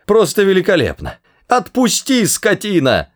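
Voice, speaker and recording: A man voicing a panicky, whining Englishman thrown off a spaceship, in a strained high voice, for an audiobook. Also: wildly swooping pitch, moderate pace.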